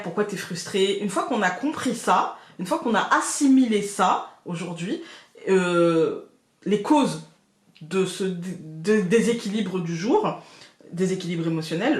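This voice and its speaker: A woman giving a casual daily tarot reading to her viewers, reflective and gently reassuring as she speaks to them directly. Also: on the low side. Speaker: tarot card reader. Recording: roomy echo.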